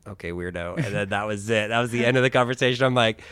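A man hosting a casual interview, telling stories with lively acted-out quotes. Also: fairly low pitch, fast, clean tone, no room sound, studio quality. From Philippines. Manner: animated storyteller, acts out quotes. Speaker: host.

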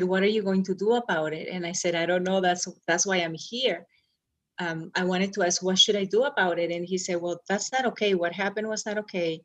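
A middle-aged woman from Arizona, a school superintendent earnestly and reflectively telling her life story in an interview. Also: fairly low pitch. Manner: earnest and reflective, with brief laughs and restarts.

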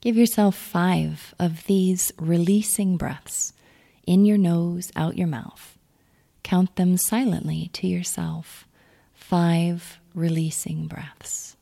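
A woman leading a calm guided grounding exercise, giving gentle, soothing instructions in a soft, near-whispered delivery. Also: on the low side, slow, vocal fry. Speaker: meditation guide.

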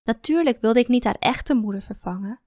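A woman's voice: a little high, brisk, darkish tone, no room sound, studio quality. A woman reading a first-person story aloud in a confiding, introspective manner. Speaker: audiobook narrator. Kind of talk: first-person scripted narration.

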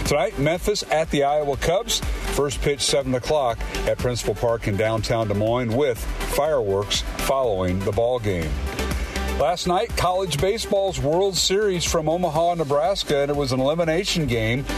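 A man reading a scripted radio sports update, brisk and matter-of-fact. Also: mid-range voice. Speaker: sports reporter.

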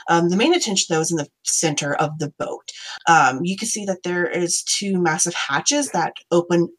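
A woman's voice: on the low side, moderate pace, rough recording. A woman running a tabletop game as game master, narrating in a rambling, hesitant way full of fillers.

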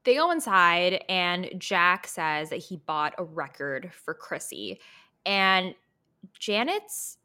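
Bright-voiced chatty woman podcast host. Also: expressive, slow pace. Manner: chatty, laughs often, mimics characters in a breathy high voice. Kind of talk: casual chat.

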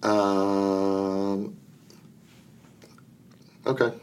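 A man co-hosting a relaxed chat, talking haltingly with many fillers and restarts. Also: deep voice, slight background noise. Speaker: podcast co-host. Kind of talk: casual chat about cover songs.

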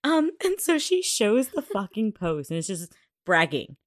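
A woman's voice: medium pitch, a little slow, no echo, studio quality. A woman co-hosting a podcast, recapping episodes in casual chat with giggles and teasing remarks. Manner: giggly, teasing, excited outbursts. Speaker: podcast co-host.

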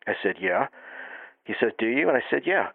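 A man telling an absurd story in a deadpan, matter-of-fact comic manner. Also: mid-range voice, a little fast, gravelly, no room sound, phone-quality sound.

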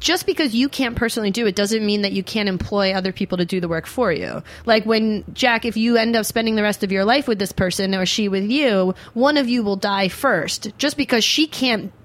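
Female talk host, mid-pitched, animated and jokey, happy to argue a point conversationally. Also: fairly quick, hardly any pauses. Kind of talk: casual talk show chat.

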